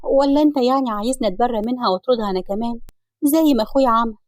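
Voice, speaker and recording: A woman with an Egyptian accent voicing an aggrieved, scheming wife who complains loudly, in a storybook reading. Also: on the high side, racing, no room sound, natural voice. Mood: pleading.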